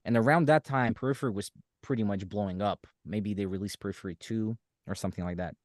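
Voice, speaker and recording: A man's voice: on the low side, fast talker, dry recording, clean studio sound. A man from Romania, a podcast guest and musician, chatting casually and telling stories with acted-out quotes. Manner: animated storyteller, acts out quotes. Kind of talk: casual chat.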